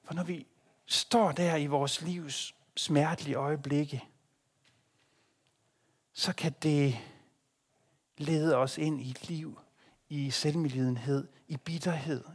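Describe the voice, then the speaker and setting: Dramatic male preacher, hushed to loud. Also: a little high, fairly even intonation, long pauses, husky. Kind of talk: sermon.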